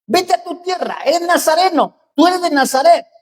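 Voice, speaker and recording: A man with a Mexican accent voicing a hostile, taunting male demon, shouting his taunts in a shrill voice. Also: expressive, unhurried. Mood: shrieking taunts.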